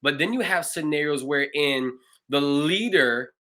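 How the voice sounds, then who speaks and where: A man, a pastor hosting a livestreamed conversation, telling his own stories in an animated, expressive way. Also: a little high, measured pace. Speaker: pastor and show host.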